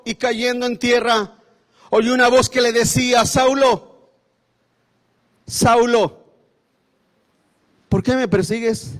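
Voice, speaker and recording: High-voiced fiery preacher man. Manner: impassioned, repeats phrases, calls listeners brother. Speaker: pastor. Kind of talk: fiery sermon.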